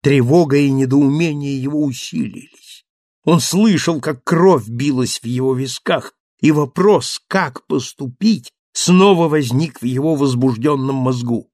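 A man reading a dramatic audiobook narration in a measured, storytelling manner. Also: mid-range voice, a little mellow, no room sound, clean studio sound.

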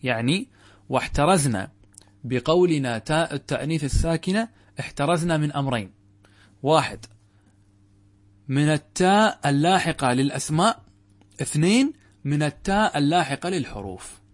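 A man's voice: on the high side, lively intonation. Man teaching grammar, questions and answers. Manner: asks and answers his own questions, repeats key words; slows and intones quoted verses. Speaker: sheikh teaching Arabic grammar. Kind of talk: classroom lesson explaining a grammar text.

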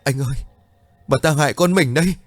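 A man's voice: mid-range voice, expressive, moderate pace, breathy edge, no room sound, faint music behind. A man voicing a grieving young mother who wails and pleads, frantic and vengeful. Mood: frantic, wailing. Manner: pleading and wailing.

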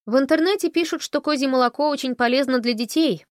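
A woman reading an audiobook, voicing a calm, breezy and ironic young woman inquisitor. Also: sits high, fast talker, dry recording, studio quality, voice pushed up, close to an everyday voice.

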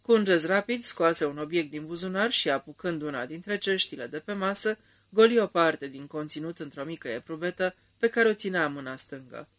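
A man narrating a radio drama in a calm, measured storytelling manner. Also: on the high side.

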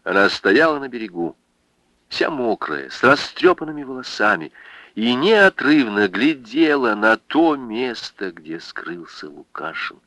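A man narrating a literary novel as an audiobook, with an expressive, dramatic reading. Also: mid-range voice, a little slow, no echo, low-quality recording. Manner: dramatic, emotive reading with big swings.

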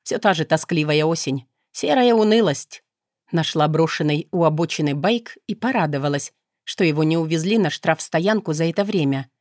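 A woman's voice: sits low, lively intonation, normal speed, a little mellow, no echo. A woman reading a first-person audiobook in a wry, conversational manner, close to the mic. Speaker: audiobook narrator.

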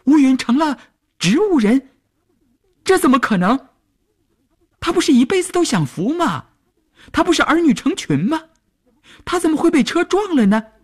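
A man reading a radio serial, voicing a brash, loud retired older woman who chatters and scolds. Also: high-pitched, very animated, unhurried, voice pushed up, exaggerated voice. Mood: shocked.

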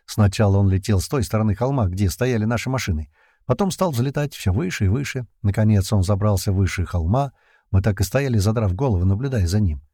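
A man narrating an adventure audiobook in the first person, in a steady storytelling manner. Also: fairly low pitch, fairly quick, dry recording, clean studio sound.

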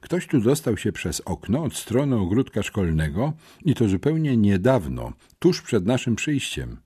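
A man's voice: fairly low pitch, unhurried, husky, voice pushed up, heavily acted. A man voicing a clever teenage boy sleuth. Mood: reasoning. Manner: calm, deductive, reassuring.

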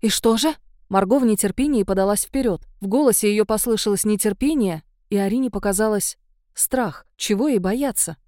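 A woman narrating an audiobook in an even, unhurried way. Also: medium pitch, dry recording, studio quality.

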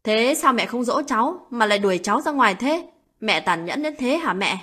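A woman voicing a young husband, drunk and quick-tempered, who scolds his wife and argues with his mother in a spoken story. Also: on the high side, lively intonation, husky, heavily acted. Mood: arguing. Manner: scolding, loud and blunt.

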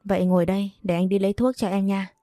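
A woman's voice: medium pitch, little pitch movement, fast talker, warm tone, dry recording, clean studio sound, soft background music, lightly acted. A woman voicing a caring, protective young husband in a read-aloud storybook. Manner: caring, coaxing.

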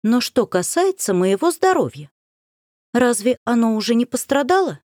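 A woman voicing a headstrong, teasing young girl in a high, girlish voice, in an audiobook read by one narrator. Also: sing-song, moderate pace, darkish tone, no room sound, clean studio sound. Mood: pert. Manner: pert and spirited, with sudden exclaims.

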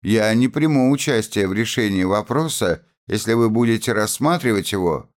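A stern, earnest young woman, put on by a man reading a novel aloud, speaking firmly and quickly taking offense. Her lines sit well above the reader's usual low voice. This is a storybook reading. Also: lively intonation. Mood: offended. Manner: earnest, firm, at times hurt.

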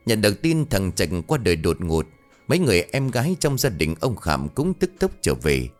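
A man telling a ghost story with a lowish voice that rises and falls expressively. His delivery is dramatic and measured, with faint music underneath. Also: huge pitch swings. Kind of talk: scripted ghost story narration.

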